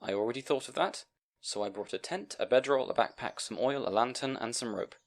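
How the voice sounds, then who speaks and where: A man talks a little fast in a mid-range, everyday-sounding voice while playing a nervous young scribe, timid and bookish, in a fantasy audio roleplay. Addressing the listener, he apologizes, hesitates, stammers and rambles anxiously.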